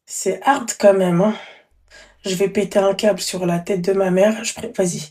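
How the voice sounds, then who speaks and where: A woman's voice: mid-range voice, steady tone, normal speed, darkish tone. A woman hosting a casual live call-in chat, talking in French suburban street slang and using affectionate pet names. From Morocco or Moroccan background. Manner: addresses callers with pet names. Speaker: live stream host taking calls.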